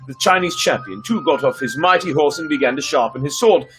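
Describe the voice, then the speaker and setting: This livestream host's voice is on the high side, with lively intonation, a fairly bright tone, and a slightly fast pace, while faint music plays behind. He gives dramatic, playful fairy tale readings, breaking off now and then for chatty asides.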